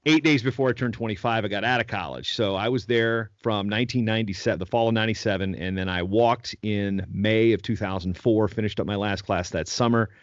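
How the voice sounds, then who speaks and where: A fairly low-pitched man in his 40s from Virginia talks fast with few pauses as a podcast guest. His casual interview answers turn into long, meandering stories full of restarts, captured in dull, dry lo-fi audio without echo.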